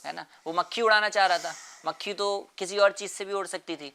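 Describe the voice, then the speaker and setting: A man's voice: sits high, fairly even intonation, creaky, sharp tone, clean tone. A man explaining a moral lesson to children in an earnest way, repeating phrases and often checking with "right?".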